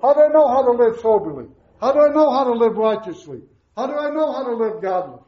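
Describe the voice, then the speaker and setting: A man's voice: extremely high pitch, sing-song, fast talker. A middle-aged man preaching a sermon through a face mask, emphatic, with repeated questions and short answers. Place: echoey room, preaching to a congregation. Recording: roomy echo, slightly muffled sound.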